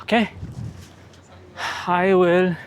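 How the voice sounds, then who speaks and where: In dull-sounding audio with some wind noise, a man runs outdoors and chats casually to his vlog audience. His high-pitched voice is flat and very slow.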